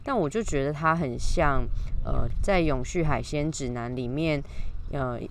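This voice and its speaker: Faint outdoor noise sits behind a podcast host speaking through a face mask, which slightly muffles the voice. The accent is Taiwanese Mandarin and the pitch is middling. The delivery is casual, unscripted solo talk to listeners. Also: unhurried. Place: outdoors in a park. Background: faint natural ambient sound.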